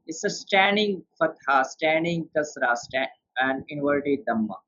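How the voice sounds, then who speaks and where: A man's voice: a little high, lively intonation, measured pace, fairly bright tone. A man teaching beginner Quran tajweed, explaining rules step by step and quizzing his student with questions. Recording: dull lo-fi sound.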